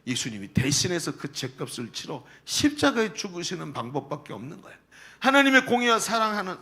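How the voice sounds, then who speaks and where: A male pastor preaching a sermon to a young congregation, acting out prayers and asking the listeners questions. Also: high voice. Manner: animated, acts out quoted prayers and rhetorical questions. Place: church sanctuary.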